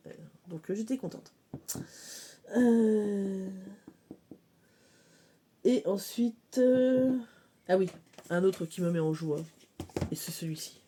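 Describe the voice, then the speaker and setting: A woman chatting casually about her oracle cards, full of fillers and quick to laugh. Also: mid-range voice, dark tone, a little hiss or hum. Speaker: cartomancy vlogger. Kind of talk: casual show-and-tell of oracle decks.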